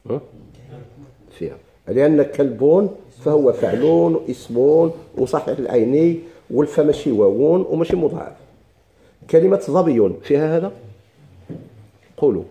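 A man's voice: on the high side, dark tone, lo-fi sound. A man with a Moroccan Arabic accent teaching a grammar lesson to a class, quizzing students and repeating his questions.

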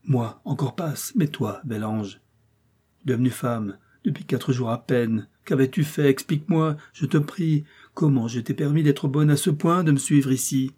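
A man's voice: medium pitch, unhurried, warm tone, slightly rough, pitched above the performer's own voice. A man voicing an anguished young husband sent into exile, crying out in regret.

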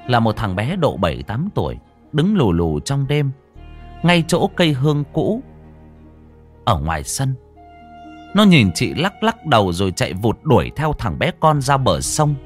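A man telling a ghost story in scripted narration, dramatic and slowing down for suspense. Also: mid-range voice, huge pitch swings, soft background music.

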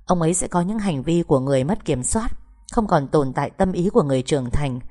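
A woman reading the part of a calm, frank hospital doctor who explains things in a measured way. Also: deep voice. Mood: grave.

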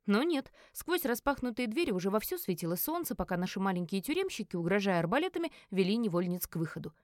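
A woman narrating a first-person fantasy novel as an audiobook, with an expressive, emotional delivery. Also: mid-range voice, fast talker, no room sound, clean studio sound.

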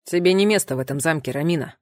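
A tender, protective young male knight speaks softly and earnestly, as a woman reading an audiobook puts him on. His voice sits very low and deep. The storybook reading is close and dry, with no room sound. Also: fast, no room sound, lightly acted. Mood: calm, serious. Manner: soft, low and earnest, half-whispered. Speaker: audiobook reader. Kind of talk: audiobook character voice.

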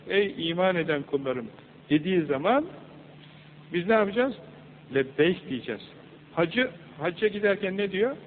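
A man's voice: high voice, big-room sound. A man preaching a sermon from a pulpit, asking rhetorical questions and reciting Arabic verses in an emphatic way. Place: mosque pulpit. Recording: old lo-fi tape, phone-like band, faint hum.

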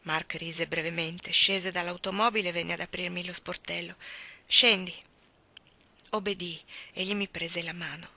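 Woman narrating in a hushed, bright voice. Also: fairly low pitch, steady tone, moderate pace, gravelly, few pauses. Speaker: reader. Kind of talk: audiobook reading.

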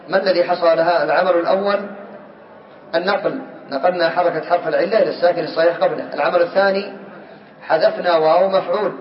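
A man teaching a class, quizzing his students and calling on them, slowly repeating key words. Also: high voice. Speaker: teacher of Arabic morphology. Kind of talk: classroom lecture. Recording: distant, roomy, dull lo-fi recording.

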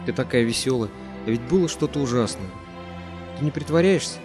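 A woman doing a gentle, teasing grown man. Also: rumbling low, expressive, a little fast, music in the background, voice pushed down. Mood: doubtful. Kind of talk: audiobook character voice.

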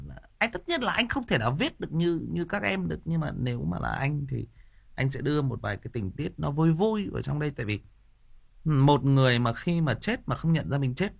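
In a fairly high, gravelly voice, an audiobook host banters with listeners on a livestream, playful and joking. He rambles, trips over the same filler words, and laughs at his own tales.

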